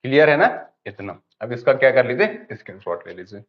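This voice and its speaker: A man's voice: medium pitch, big pitch swings, a little fast, a little hiss or hum. A man teaching English grammar in an online class, asking questions and answering them himself over and over. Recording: dull lo-fi audio.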